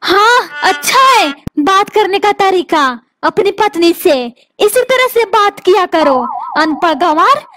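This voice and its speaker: A woman's voice: very high-pitched, animated, takes it slowly, hardly any pauses, a bit bright, a little hiss or hum, heavily acted. A woman voicing a dramatic, quarrelsome cartoon wife who whines and trades insults, with music behind. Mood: tearful, indignant. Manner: whiny, complaining, insulting. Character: dramatic complaining wife, middle-aged, quarrelsome. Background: background music.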